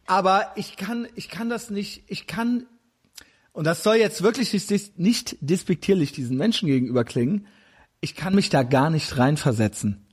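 A man with a high, husky voice talks in loose, casual podcast chat. He rambles through stories in a blunt, self-mocking way. The talk feels unscripted and relaxed. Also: normal speed.

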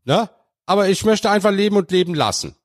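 A man's voice: high-pitched, lively intonation, fairly quick. A man speaking as a guest in a casual podcast debate, blunt and coarse, with strong emphasis.

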